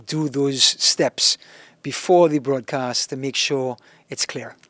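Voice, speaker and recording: A man's voice: medium pitch, fairly even intonation, no room sound. A man with a strong accent, a guest on a podcast, patiently explaining voice routines and demonstrating humming. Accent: strong accent, self-described as thick. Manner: instructive, deliberate, demonstrates vocal warm-ups by humming. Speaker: guest broadcaster giving advice. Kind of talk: podcast interview.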